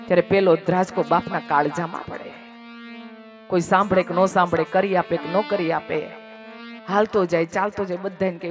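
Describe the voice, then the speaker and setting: A man preaches a devotional story with strong feeling, letting his voice swell and then sink almost to a whisper. He strings phrases into rhythmic, repeating lists, and faint music plays behind him. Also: sits high. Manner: emotional, swells loud then drops to near whisper. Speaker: katha storyteller.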